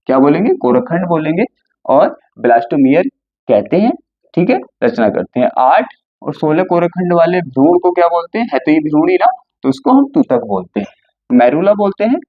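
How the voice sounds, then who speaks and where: A man's voice: on the high side, sing-song, normal speed, no echo, narrow, tinny audio. A male teacher going through a textbook line by line, often asking a question and answering it himself.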